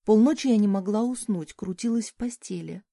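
Female audiobook reader with a warm, mellow voice, expressive first-person narration in a dry booth. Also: medium pitch, a little fast, vocal fry, no room sound. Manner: lively, expressive reading.

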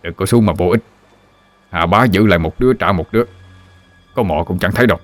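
A man's voice: deep voice, brisk, no echo, faint music behind, close to an everyday voice. A man voicing an urgent, commanding old village man.

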